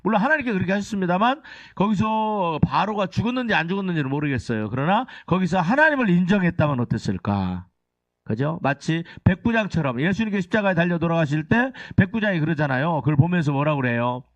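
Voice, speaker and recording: A male pastor preaches with a lively, swinging voice that sits a little high. He keeps tossing questions to the congregation and leads the call-and-response reading. The sound is dry and somewhat dull, like a lo-fi church recording. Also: fast talker, dry recording. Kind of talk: sermon. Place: church sanctuary.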